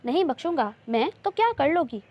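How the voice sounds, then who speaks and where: A woman's voice: sits high, big pitch swings, a little fast, a little mellow, muffled recording. A woman reading a romance novel aloud, voicing a playful, insistent young man who courts his cousin. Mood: teasing, tender. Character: teasing, loving young man, cousin and suitor.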